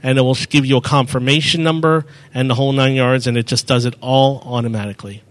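Speaking fast in a mid-range voice with fairly even intonation, a man leads a live demo talk in a meeting room. On a handheld mic, he goes step by step, answers questions from the audience, and corrects himself often.

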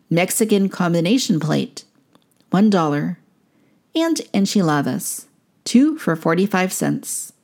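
A woman's voice: lowish voice, a little mellow. A woman narrator reading a scripted documentary.

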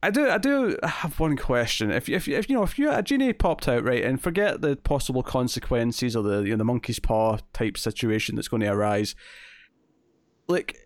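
A man's voice: mid-range voice, lively intonation, moderate pace, no room sound, studio quality. A Scottish man co-hosting a review podcast in casual chat, full of fillers and restarts. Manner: chatty, many fillers and repeated starts. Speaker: podcast co-host reviewing an episode.

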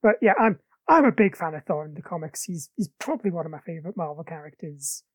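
A woman's voice: low voice, animated, fast, slightly rough, no room sound. A woman co-hosting a casual podcast chat about films, talking eagerly about comics. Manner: enthusiastic comics fan, chatty. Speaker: podcast co-host. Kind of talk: casual film review chat.

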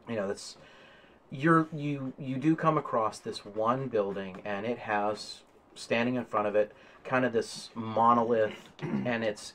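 A man's voice: lowish voice, a bit bright. A man narrating a tabletop game as game master, rambling with many fillers and restarts.

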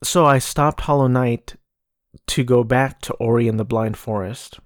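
Monotone man with vocal fry. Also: unhurried, no room sound, studio quality. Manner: monotone, low-energy delivery; hesitant, stammering with repeated words. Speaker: podcast host. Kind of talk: casual solo podcast talk about video games.

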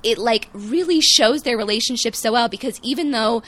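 A podcast co-host, a woman with a slightly high, fairly bright voice, chats casually and animatedly about a TV show at a moderate pace. Her talk is sprinkled with frequent "um" and "like".

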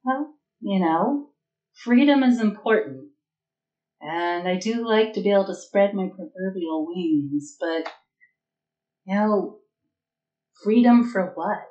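A woman voicing a wry, warm adventurer with a roguish streak, talking in a gently teasing and reflective way. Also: medium pitch, expressive, takes it slowly, pauses often, muffled recording. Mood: earnest. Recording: echoey room.

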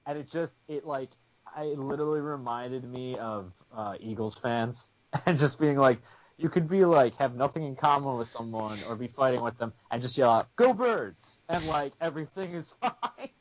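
A mid-pitched man chats loosely on a podcast, circling and restarting his thoughts. His sound comes through a muffled, lo-fi call connection. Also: normal speed. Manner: rambling, with many restarts. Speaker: podcast co-host. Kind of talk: casual chat. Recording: muffled lo-fi audio.

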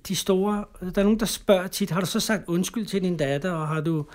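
This is a middle-aged Danish interview guest with a high, darkish voice. He relates his personal story in a conversational way, repeating words, pausing haltingly, and ending his lines with tag questions.

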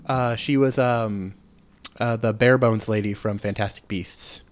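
Podcast host, male, relaxed chatty delivery, easy laughs, casual swearing. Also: on the low side, a little slow, a little hiss or hum. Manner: laid-back, laughs often, curses casually. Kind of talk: casual movie podcast chat.

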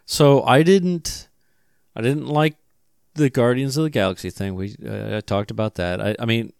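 A man's voice: mid-range voice, fairly even intonation, moderate pace, creaky, darkish tone, smooth, no echo, studio quality. A man hosting a casual movie review chat, talking hesitantly and restarting his sentences often.

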